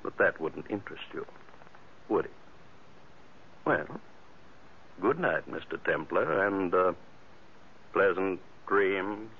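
A smug gentleman murderer in vintage radio drama, his low voice measured and courteously sinister. The sound is very thin and phone-like. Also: a little hiss or hum. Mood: polite menace. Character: smug, genteel, menacing murderer and author. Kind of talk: old-time radio drama acting.

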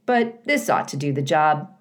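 For a children's storybook, a woman voices a male beaver builder who is folksy, bossy but kindly, chatty and gruff. She uses a deep voice with lively intonation at a normal pace.

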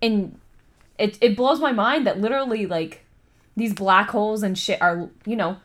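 A woman co-hosts a casual podcast, cutting in with blunt, sarcastic remarks. Her voice sits at a middling pitch, and she swears freely. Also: moderate pace. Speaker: podcast co-host. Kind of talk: casual chat.

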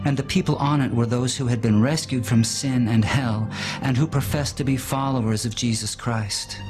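A man preaching in a solemn, measured way, recounting a vision as a sermon over music. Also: medium pitch, fairly even intonation. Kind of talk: sermon reading of a vision story.

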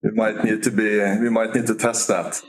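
A man from Norway, a company CEO, talking as a guest in a remote interview, measured and often restarting his sentences. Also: fairly low pitch, flat delivery. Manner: measured, with frequent restarts and fillers. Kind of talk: casual interview talk.

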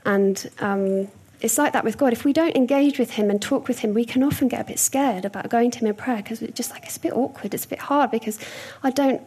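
A woman's voice: on the high side, a little fast, few pauses, mellow, slightly rough. A young woman preaching a sermon in a conversational, storytelling way, with frequent hesitations.

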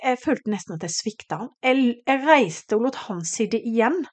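A middle-aged woman shares a painful memory as a podcast host, her telling emotional and animated. She acts out what each person said as she goes. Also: a little high, slightly rough. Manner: emotional, animated retelling with quoted dialogue. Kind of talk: personal storytelling.

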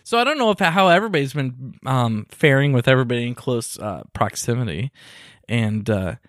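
A man's voice: mid-range voice, animated, brisk, a bit bright, dry recording, clean studio sound. A man co-hosting a casual podcast, chatty and playfully complaining, often laughing. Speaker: podcast co-host. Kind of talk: casual chat.

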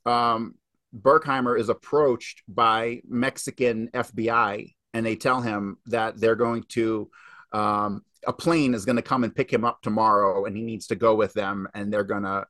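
A man speaks as a podcast guest in a loose, emphatic ramble, swearing freely as he piles on details. His voice sits at an ordinary middle pitch. The sound is dry and close with no room around it. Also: a bit bright, no echo. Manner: emphatic, swears often, fast rambling delivery. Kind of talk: casual interview talk.

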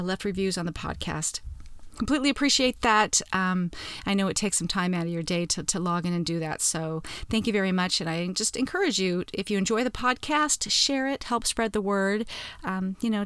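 A woman's voice: fairly low pitch, no echo. Woman podcasting from inside a closet. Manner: chatty and easygoing, with soft laughs. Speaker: podcast host. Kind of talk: casual solo podcast chat.

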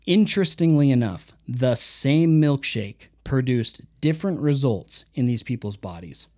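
A man with a mellow, warm tone talks through a self-help book in a relaxed monologue. He reads short quotes aloud, then reflects on them with his own anecdotes. His pitch sits in an ordinary middle range. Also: unhurried. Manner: reflective, reads out quotes and adds personal stories. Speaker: book reviewer. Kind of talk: casual book review monologue.

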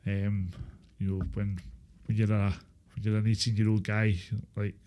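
Man, thirties, Scottish accent, low voice, flat intonation, halting, repetitive, casual personal recollection. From Inverness, Scotland. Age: 30s. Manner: halting, repetitive, hedging with filler phrases. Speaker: interview guest, former supported-housing tenant.

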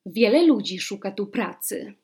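A woman voicing an old, fatherly emperor in a storybook reading, speaking in a measured, patient way. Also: mid-range voice, expressive, a little mellow.

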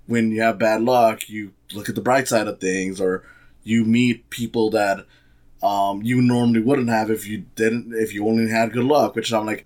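A man giving a casual, sarcastic movie review, rambling with many fillers and restarts. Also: fairly low pitch. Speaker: film reviewer.

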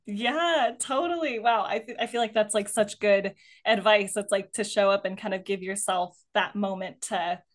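A woman's voice: medium pitch, moderate pace. A woman hosting a podcast interview, casual and effusive, encouraging her guest. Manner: effusive, encouraging, gushing praise. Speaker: podcast host.

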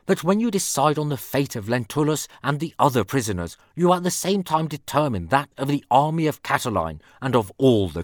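A man's voice: mid-range voice, no room sound, clean studio sound. A man reading aloud as a stern Roman senator, declaiming a speech against traitors with grave, sweeping rhetorical emphasis.

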